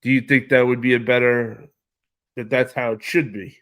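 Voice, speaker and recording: A man hosting a casual live stream, reading viewer comments aloud and answering them in a relaxed, slangy way. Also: mid-range voice, normal speed. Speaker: livestream host reading chat.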